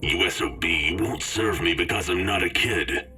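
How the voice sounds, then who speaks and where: A man voicing a menacing stranger in a car who speaks in a deep, croaky, contemptuous voice. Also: moderate pace, sharp tone, faint music behind.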